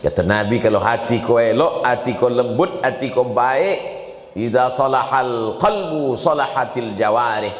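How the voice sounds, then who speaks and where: Male preacher, lively comic sermon, echoey mosque hall, long reverb. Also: unhurried. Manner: animated storytelling, jumps high for comic voices. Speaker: Islamic preacher. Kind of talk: humorous sermon.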